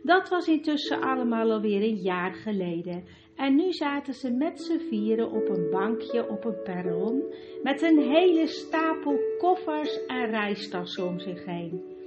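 A woman narrates a storybook in a calm, even tone. Her voice is high. The recording is dull, with music playing behind her. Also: unhurried.

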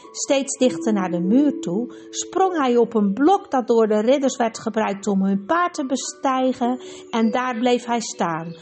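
A woman reading a storybook aloud in a lively, expressive way, her voice sitting a little high. Soft music plays quietly behind her. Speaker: narrator.

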